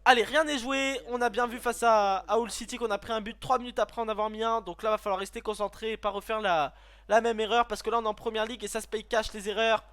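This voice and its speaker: A man giving excitable play-by-play commentary on a football video game, bursting into shouts at goals and often stumbling over his words and correcting himself. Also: high voice, quick pace. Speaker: gaming YouTuber.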